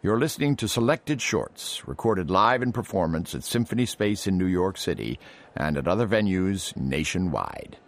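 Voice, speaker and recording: Very deep, gravelly-voiced radio host. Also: male voice, animated. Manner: measured, announcer-like sign-off. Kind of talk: program announcement.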